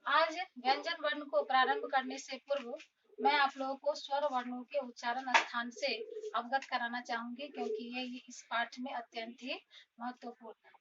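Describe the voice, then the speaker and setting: High-voiced woman teaching, distant and dull. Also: fairly bright tone. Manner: slow, deliberate explanatory teaching. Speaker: school teacher. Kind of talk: classroom lesson on Hindi phonetics. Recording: distant mic, dull lo-fi sound.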